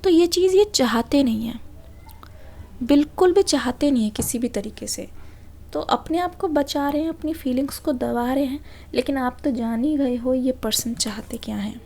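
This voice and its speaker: Speaking at normal speed, this tarot reader addresses her viewers in a high, warm, mellow voice touched with vocal fry. Her explanations are patient, sprinkled throughout with a comforting filler word.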